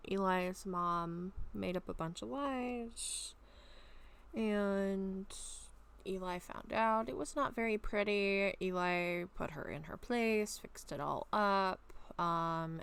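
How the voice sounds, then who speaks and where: At home in her bedroom, a woman reads her own story aloud and chats casually, rambling with many soft ums. Her mid-range voice, and her throat, are slightly raspy after a long session of talking.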